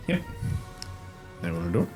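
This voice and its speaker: A man's voice: unhurried, darkish tone, soft background music. A man playing a tabletop game, chatting casually and jokily with the group. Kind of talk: casual, jokey game chat.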